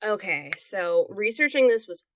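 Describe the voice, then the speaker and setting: A woman's voice: medium pitch, sing-song, measured pace, fairly bright tone, slight background noise. A woman co-hosting a podcast in casual, giggly, self-mocking chat, recorded inside a closet. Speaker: podcast co-host.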